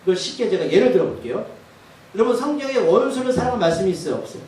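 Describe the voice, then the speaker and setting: A man's voice: sits high, big pitch swings, rapid-fire, a little mellow, slight background noise. A male pastor preaching a sermon, often putting questions to the congregation. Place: church sanctuary. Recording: echoey church hall from far off.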